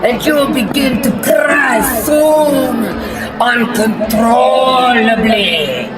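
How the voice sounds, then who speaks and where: Creepy fortune teller, theatrical and ominous, crawling pace, distant under crowd noise. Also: female voice, a little high, very slow, over loud music. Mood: ominous, grandiose. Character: creepy mysterious female fortune teller, grandiose and menacing. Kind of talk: scripted comedy radio parody ad.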